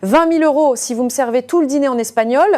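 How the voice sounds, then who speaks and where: Woman putting on an arrogant, shouting rich man. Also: mid-range voice, moderate pace, lightly acted. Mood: angry. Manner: shouting, mocking, imperious.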